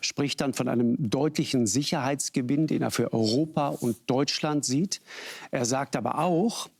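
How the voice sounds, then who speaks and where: A man with a gravelly edge to his voice hosts a political talk show from a television studio. He speaks in a measured, questioning way, pausing with the odd filler sound as he introduces guests. His pitch sits in a middle range for a man. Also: a little mellow.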